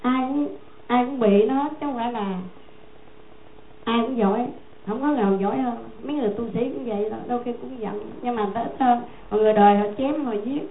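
A woman's voice: a little high, fairly quick, a little hiss or hum. A woman, a Buddhist nun giving a dharma talk in a folksy, repetitive, conversational way. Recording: echoey tinny phone-like sound.

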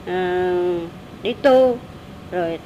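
A woman's voice: drawn-out words, lo-fi sound. A woman with a Southern Vietnamese accent preaching a Buddhist story in a conversational way, often saying "đó" and "á". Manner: conversational, with fillers like "đó" and "á". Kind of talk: sermon storytelling. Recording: echoey room, distant mic, faint rumble.

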